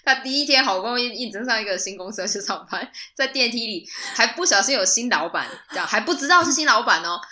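A woman's voice: on the high side, expressive, fast, hardly any pauses, pushed and bright. A young woman, co-hosting a casual podcast chat, giggly and thinking aloud through silly scenarios. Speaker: podcast co-host.

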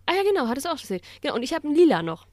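A woman's voice: sits high, sing-song, rapid-fire, a little mellow, no echo, studio quality. A young woman co-hosting a casual podcast, talking in a chatty, opinionated way with lots of fillers. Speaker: podcast co-host. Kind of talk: casual chat.

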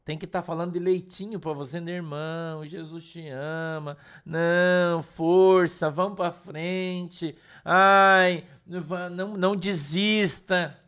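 Pastor from Brazil, male, high and bright-toned, blunt, scolding, slangy preaching. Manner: blunt, scolding, slangy, mimics whiny congregants. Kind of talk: blunt informal sermon.

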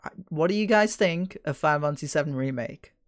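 Lively, teasing podcast host. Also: medium pitch, quick pace. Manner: teasing, bossy banter. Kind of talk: casual chat.

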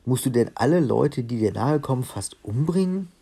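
A man's voice: medium pitch, expressive, vocal fry, warm tone, slightly rough, pitched above the performer's own voice. A man doing a bossy robber's wife. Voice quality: scolding, brisk.

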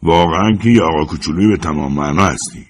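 A sneering, taunting hitman, as a man puts him on. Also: very deep voice. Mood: mocking. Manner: taunting, sarcastic. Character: sneering adult male hitman, mocking.

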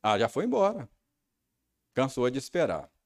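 A man's voice: medium pitch, very animated, moderate pace. A man with a Brazilian Portuguese accent preaching a sermon, telling a personal story with frequent tag questions. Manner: storytelling, acting out his own angry rehearsal. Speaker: pastor.

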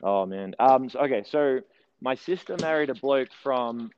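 A man in his thirties, from New Zealand but raised in Australia, speaks with a blended Australian–New Zealand accent as a strength and conditioning coach guesting on a casual interview. He tells stories full of fillers and restarts in an expressive, medium-pitched, slightly mellow voice at normal speed. The audio is dull with slight background noise.

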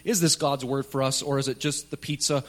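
A man's voice: medium pitch, steady tone, a little fast. A man preaching a sermon at a pulpit microphone in a church, speaking in a plain, conversational way with light jokes for the congregation. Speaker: pastor. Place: church sanctuary.

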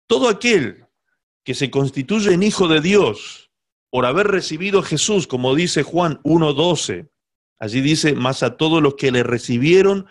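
A male preacher giving a sermon, often checking that the listeners follow along. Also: fairly high pitch. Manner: asks the congregation "¿sí?" to check they follow, animated.

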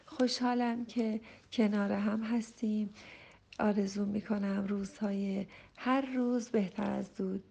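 An older woman giving heartfelt parenting advice, sometimes acting out a joyful mother speaking to her son and sometimes speaking gently. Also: medium pitch, steady tone, vocal fry. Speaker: parenting advisor. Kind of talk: casual advice talk to parents.

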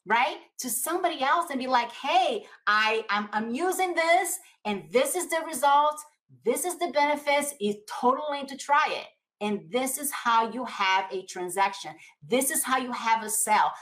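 High-pitched Latin American-accented woman, emphatic coach. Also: fairly bright tone. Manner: emphatic, repeats phrases, rhetorical questions. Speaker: network marketing coach. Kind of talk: motivational coaching talk to camera.

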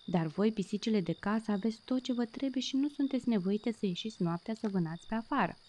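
A woman voicing a wise, worried little male cricket who explains things slowly and cautiously. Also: on the high side, animated, darkish tone. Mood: lecturing.

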